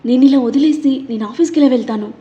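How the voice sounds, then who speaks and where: A woman's voice: sits high, fast talker, dark tone, lo-fi sound, pitched above the performer's own voice, lightly acted. Woman doing a worried young guy in an audio story, pleading hard, kinda urgent. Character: anxious young man pleading with his love.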